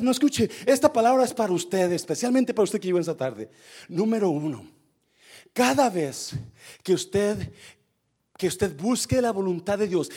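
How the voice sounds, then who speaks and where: A man with an unusually high voice preaches in a church service, calling out to the congregation. He jumps between loud, shouted peaks and hushed, low asides, and slips English phrases into his preaching. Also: breathy edge. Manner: calls out to the congregation. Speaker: pastor. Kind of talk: sermon.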